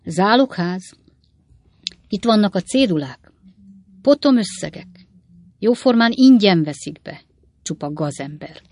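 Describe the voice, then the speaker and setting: A woman's voice: mid-range voice, lively intonation, pauses often, darkish tone, no echo. A woman voicing a down-and-out male swindler who talks in short, clipped, jerky phrases. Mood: brash.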